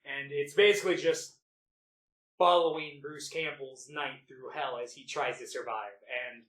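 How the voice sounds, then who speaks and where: A man co-hosts a movie podcast, chatting casually about favorite films with rambling, sweary enthusiasm. His voice is a little high and fairly bright, with fairly even intonation at a moderate pace, in a roomy, echoey home recording.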